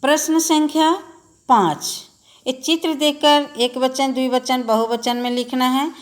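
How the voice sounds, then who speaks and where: A woman's voice: high-pitched, steady tone, measured pace. A woman teacher giving a lesson to children, reciting word forms in a sing-song drill and speaking to them patiently. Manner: addresses children directly, patient and instructive.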